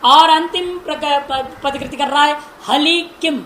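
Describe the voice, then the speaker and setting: A woman teaching Sanskrit grammar in a classroom lecture, speaking deliberately, repeating word forms and asking rhetorical questions. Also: high-pitched, fairly bright tone. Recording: roomy echo, faint background noise.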